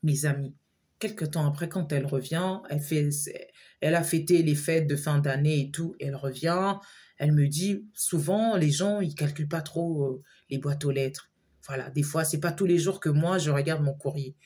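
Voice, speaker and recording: A woman telling her viewers a personal story in a casual, animated way, with frequent fillers and repetitions. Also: deep voice, moderate pace.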